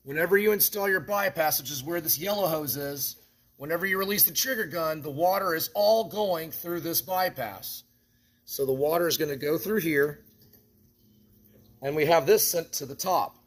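A man with a fairly high voice walks through a build in a hands-on how-to. He explains each step plainly while handling parts in front of a close phone camera. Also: normal speed, a bit bright. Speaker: equipment shop instructor.

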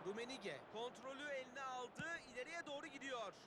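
A man's voice: extremely high pitch, expressive, normal speed. A man giving football play-by-play in clipped phrases, calling out player names. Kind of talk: football match commentary. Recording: noisy capture with background game sound.

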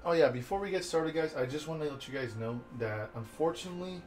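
A young American man with a raspy voice, chatting casually to camera in a rambling, jokey, laid-back way as he hosts an unboxing vlog. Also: fairly high pitch, animated, quick pace, a little hiss or hum. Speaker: host of a card unboxing vlog. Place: small bedroom, indoors.

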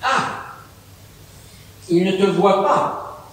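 A man's voice: very slow, a bit bright, exaggerated voice. A man in an amateur stage play, persuading a relative to accept home help in a reassuring way. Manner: persuasive, reassuring sales pitch. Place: theater stage. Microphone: far room mic. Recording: echoey hall from far off, faint hiss.

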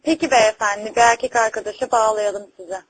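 A polite, formal woman answering as a customer service agent, her voice coming through a phone line. The tone is breathy and slightly husky, and the sound is dry and close. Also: on the high side, steady tone, a little fast, no echo. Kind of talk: phone call.

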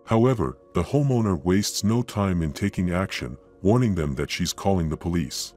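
Low-voiced male documentary-style narrator. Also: lively intonation, moderate pace, darkish tone, faint music behind. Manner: grave, suspenseful, florid storytelling like a nature documentary. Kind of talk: dramatic scripted narration of security footage.

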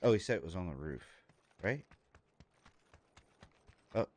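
Man streaming a game, low voice, very animated pitch, excitable, talks his thoughts out loud. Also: unhurried. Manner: thinks aloud, excitable, voice jumps up high. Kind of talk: live gameplay commentary.

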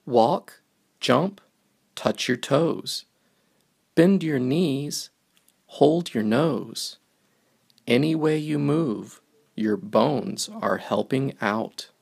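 Reading a children's picture book aloud, a man uses a very creaky, gravelly voice whose pitch swings in a lively way through the simple lines. He takes his time over each phrase, speaking very slowly with long pauses.

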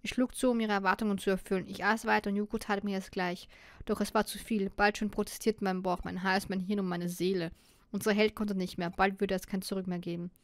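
A woman's voice: medium pitch, flat delivery, fairly quick, few pauses, close to an everyday voice. A woman reading a young male hacker's self-mocking inner monologue in a game, with a storytelling manner. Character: young male hacker narrating his inner thoughts, wry.

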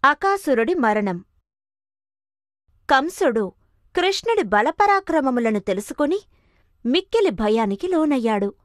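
A woman's voice: high-pitched, sing-song, measured pace, long pauses, dry recording, clean studio sound. A woman narrating a children's cartoon story with dramatic expression.

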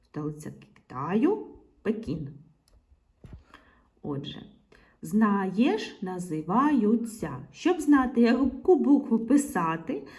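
A woman teacher talks young pupils through a grammar lesson, slowly and patiently, with some half-whispered asides. Her voice is mellow and a little gravelly. It rises and falls a great deal as she explains. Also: mid-range voice. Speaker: primary school teacher.

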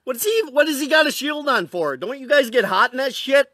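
On a live-streamed phone call, a man in a standoff with police argues defiantly, interrupting and repeating himself. His voice is extremely high, expressive, bright and forceful, a little fast, with no room sound in this heated exchange.

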